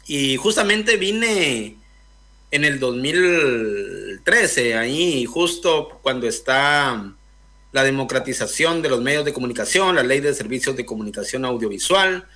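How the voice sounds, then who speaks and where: A young man from Guatemala, a filmmaker guest in a radio interview, speaking thoughtfully with many pauses and fillers over a video call. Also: mid-range voice, animated, sharp tone. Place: indoor room, video call.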